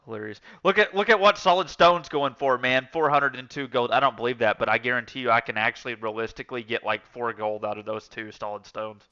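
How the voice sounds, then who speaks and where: Bright, rambling man on a dull lo-fi mic. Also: mid-range voice, fairly quick, few pauses. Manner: rambling storytelling, many restarts and fillers. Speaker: streamer. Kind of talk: casual gaming stream chat.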